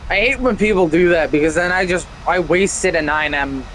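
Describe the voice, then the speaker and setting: A man's voice: sits high, moderate pace, a bit bright, slight background noise. Chatty young man narrating gameplay. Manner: rambling, chatty, restarts often. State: hiccups. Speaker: gameplay streamer. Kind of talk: casual gameplay commentary.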